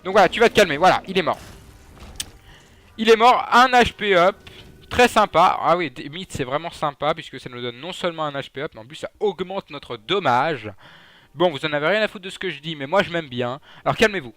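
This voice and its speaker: A man's voice: a little high, animated, a little fast, fairly bright tone, no echo. A young man giving casual, joking gameplay commentary, trash-talking enemies and swearing. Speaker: gaming YouTuber.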